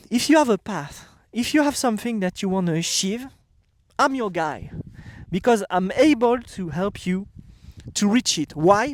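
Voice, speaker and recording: A middle-aged man with a French accent, a native French speaker, gives a motivational talk straight to his viewers. His voice sits high, and he repeats phrases for emphasis. The recording is dry and close, with no room echo. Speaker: vlogger and coach. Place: countryside home.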